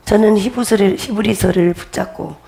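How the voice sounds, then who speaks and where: A middle-aged woman pastor delivers a testimony sermon with a gravelly, creaky edge to her voice. She speaks at an ordinary pitch, pressing her points by repeating them and laughing between phrases. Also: fairly quick, mellow. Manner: emphatic, repetitive, laughs while preaching.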